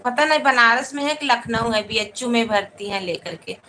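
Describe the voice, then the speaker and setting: A woman's voice: fairly high pitch, expressive, moderate pace, sharp tone, rough recording. A woman, chatting casually on a phone live stream, greeting viewers by name and asking for their support. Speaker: live-stream host and folk singer. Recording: faint background noise.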